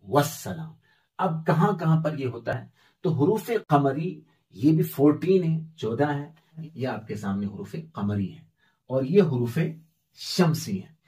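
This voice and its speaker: A man's voice: mid-range voice, warm tone. A middle-aged man teaching Quran reading in a step-by-step lesson, patiently spelling out letters and vowel marks one by one.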